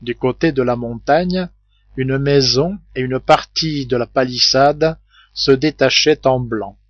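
A man reading a novel aloud as audiobook narrator, in a measured, steady scripted narration. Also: medium pitch, dry recording. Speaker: audiobook reader. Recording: dull, muffled home recording.

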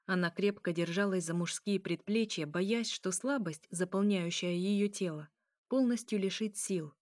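A woman narrating a fantasy romance audiobook in a measured, expressive reading. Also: medium pitch, dry recording, clean studio sound. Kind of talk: scripted narration.

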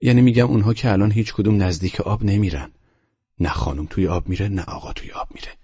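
A man's voice: on the low side, mellow, breathy edge, lo-fi sound, pitched above the performer's own voice. A man voicing a fretful, resentful young housemaid in an audiobook, complaining and agitated. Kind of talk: audiobook character reading.

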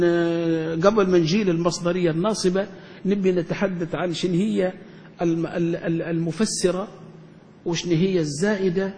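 A man's voice: sits high, darkish tone, husky. A man teaching a grammar lesson to a class, often asking questions and then answering them himself. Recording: hall reverb.

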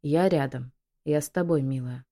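A woman voicing a gentle young nobleman who speaks softly and reassuringly. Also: low voice, a little fast. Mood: tender. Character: gentle young lord, tender and calm.

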